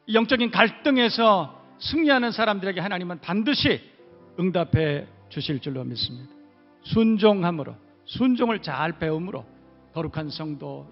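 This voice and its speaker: A man's voice: a little high, vocal fry, in a large hall, muffled recording. A male pastor preaching a sermon in a church, emphatic, with repeated rhetorical questions. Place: church sanctuary.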